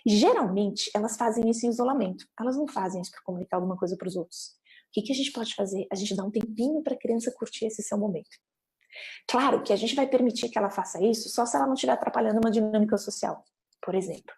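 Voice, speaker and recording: A woman giving parents guidance in an animated explainer talk, acting out little scenes. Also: quick pace. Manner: animated, acts out parent and child lines with big pitch jumps.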